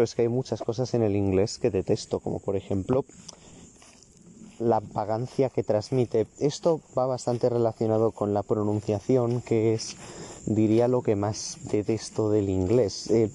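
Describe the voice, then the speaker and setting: A seventeen-year-old man rants and swears through a casual podcast-style monologue, recorded outside in a garden. His voice is very dark and mellow. Insects chirp faintly behind him. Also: mid-range voice, a little slow, slight background noise. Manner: profane, ranting, self-mocking. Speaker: vlogger. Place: outdoors in a garden.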